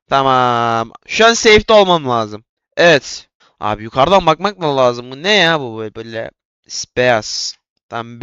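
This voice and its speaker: A young man commentating his own gameplay in a casual way, excitable and trash-talking, jumping from yelling to muttering. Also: medium pitch, clear, resonant tone, dry recording, muffled recording. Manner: excitable, yelling and trash-talking, quick swings from loud to mumbling. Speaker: gaming YouTuber.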